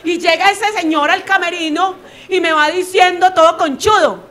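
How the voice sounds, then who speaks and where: A woman's voice: very high voice, moderate pace, a bit bright. A young adult woman with a Colombian accent telling a stand-up story, acting out the quoted voices and laughing as she goes. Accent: Colombian Spanish. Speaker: stand-up comedian.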